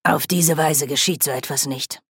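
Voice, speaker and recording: A woman's voice: low-pitched, normal speed, a bit bright, slightly rough, no echo, studio quality, heavily acted. A woman reading an audiobook, voicing a stern, grumpy old witch woman who talks curtly. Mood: grumbling. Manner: curt, grumbling. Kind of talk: audiobook character voice.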